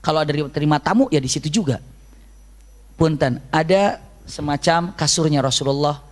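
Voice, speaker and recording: A man preaching a sermon to a congregation, telling stories animatedly and acting out the shouted voices of the people in them. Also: a little high, normal speed.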